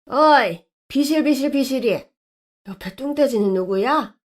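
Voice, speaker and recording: A woman voicing a loud, sneering middle-aged woman who bosses others around and yells. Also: sits high, lively intonation, unhurried, voice pushed up. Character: bossy middle-aged woman bully, gang leader.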